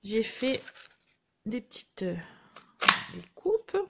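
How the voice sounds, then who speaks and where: A woman's voice: fairly high pitch, big pitch swings, extremely slow, gravelly, very noisy. A woman, chatting casually while she demonstrates a craft project on a live stream. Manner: chatty, narrates her hands-on work with little asides. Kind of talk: live craft tutorial chat.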